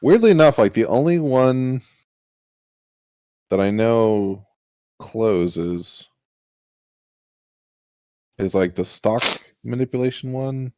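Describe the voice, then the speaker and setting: A man's voice: mid-range voice, lively intonation, slow, pauses often, dark tone, dry recording. A man casually explaining board game rules, rambling with many fillers.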